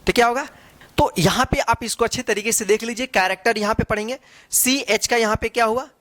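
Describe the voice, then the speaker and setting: A woman's voice: a little high, brisk, fairly bright tone, dry recording. A woman teaching a phonics lesson, spelling out letters one by one and then reading the word. She repeats each word and asks rhetorical questions as she goes. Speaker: English teacher.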